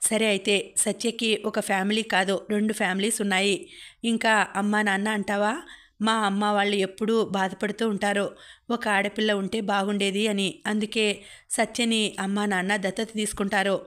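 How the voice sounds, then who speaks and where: Woman reading angry young brother, forceful, pretty flat delivery. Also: mid-range voice, normal speed, lightly acted. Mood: determined. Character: young man, fiery protective brother.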